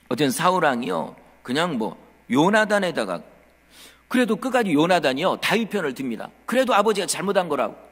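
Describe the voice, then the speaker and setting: A man's voice: on the high side, slightly rough. A man, a pastor, preaching a sermon to his congregation in a church, telling the story with animation and addressing the listeners directly. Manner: animated storytelling, acting out quotes. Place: church sanctuary. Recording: long church hall reverb.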